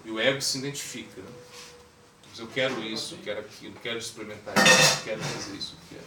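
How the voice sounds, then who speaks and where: A man with a fairly low voice talks fast as a swami in an informal spiritual session, quizzing the audience and imitating voices in a conversational way. The sound is noisy and echoey, with the mic at a distance.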